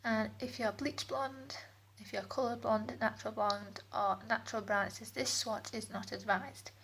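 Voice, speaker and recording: A British beauty vlogger gives a casual spoken product review indoors, her voice echoing around a bathroom with clear background noise. Her pitch is on the high side, her intonation fairly even, her pace moderate and her tone a bit bright.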